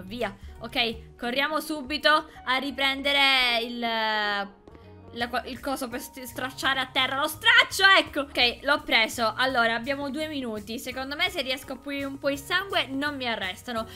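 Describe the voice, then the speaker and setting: A young woman gamer chatting to her viewers while playing, excitable and talkative. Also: a little high, measured pace. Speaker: gaming YouTuber. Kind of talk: let's play commentary. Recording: game music behind.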